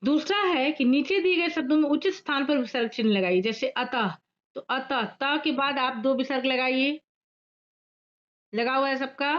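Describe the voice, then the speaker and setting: A woman teacher giving a grammar lesson to pupils, repeating key points slowly and addressing the class directly. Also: sits high, highs cut off. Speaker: school teacher.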